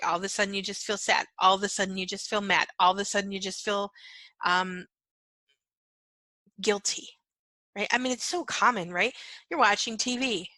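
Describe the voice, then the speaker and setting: A woman's voice: mid-range voice, bright, forceful tone, no echo. A woman speaking as a spiritual coach, teaching in a conversational way and often checking in with "right?" and "okay?". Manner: soothing, repetitive chanting of phrases, fading to a whisper. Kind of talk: guided clearing meditation and teaching talk.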